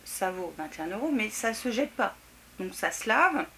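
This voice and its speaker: Chatty bright-voiced French woman vlogger. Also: mid-range voice, big pitch swings, moderate pace, slight background noise. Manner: chatty, laughing, self-mocking, lots of fillers. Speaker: craft vlogger. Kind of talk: casual haul chat to camera. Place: home room near a table.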